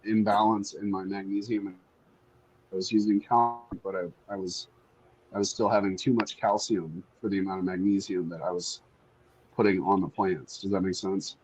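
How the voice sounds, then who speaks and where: A man's voice: low voice, level tone, a little mellow, a little hiss or hum, rough recording. A man on a remote call whose audio keeps breaking up, talking casually and restarting his sentences as the connection drops. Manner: halting, restarts mid-sentence. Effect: choppy call audio that cuts out. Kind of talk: casual chat. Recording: online call connection dropping out.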